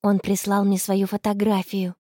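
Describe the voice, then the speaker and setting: A woman's voice: medium pitch, monotone, normal speed, warm tone, no echo, close to an everyday voice. Woman as dreamy cheerful teen schoolgirl, gushing delivery, dry close recording. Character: cheerful teenage girl in love, dreamy.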